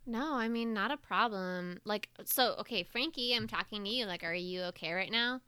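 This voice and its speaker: A woman playing a mild, accommodating roommate with a halting, casual manner in improvised comedy. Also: medium pitch, pushed and bright, clean tone, dry recording, natural voice. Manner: halting, casual, filler-heavy. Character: mild, accommodating female roommate hosting ghosts.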